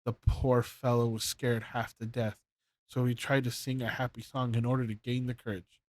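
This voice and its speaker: A man's voice: medium pitch, little pitch movement, moderate pace. A man casually reading a bedtime story aloud to his stream chat, often stumbling and rereading his lines. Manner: stumbling, rereads and corrects himself.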